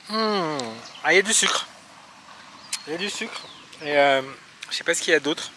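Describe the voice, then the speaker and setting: Male travel vlogger, bright tone, casual and hesitant delivery, faint background noise. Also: on the high side, moderate pace. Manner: hesitant, with many fillers and restarts. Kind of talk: casual vlog chat.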